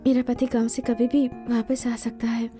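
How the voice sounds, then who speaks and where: A woman's voice: a little high, flat delivery, moderate pace, warm tone, faint music behind, lightly acted. A woman dubbing an anxious married woman in a film dub.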